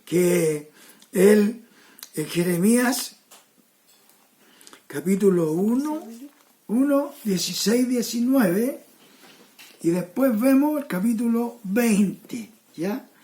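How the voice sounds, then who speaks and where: Woman preacher delivering a sermon at a measured, slow pace, often repeating herself. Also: mid-range voice, expressive, warm tone. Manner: slow, repeats "¿ya?" and "hermano" to the congregation; restarts and repeated words.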